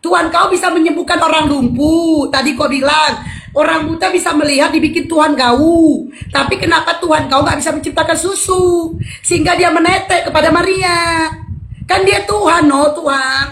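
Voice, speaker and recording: A woman in a heated religious debate, taunting and loud, hammering the same points again and again. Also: very high-pitched, fairly even intonation, moderate pace, reverberant, a little hiss or hum, rough recording. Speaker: debater in a live online debate.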